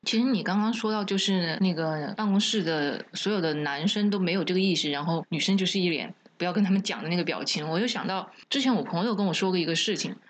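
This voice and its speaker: A woman's voice: lowish voice, a little hiss or hum. A woman, co-hosting a podcast, telling stories in casual chat with laughs. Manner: chatty storytelling with laughs. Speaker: podcast co-host.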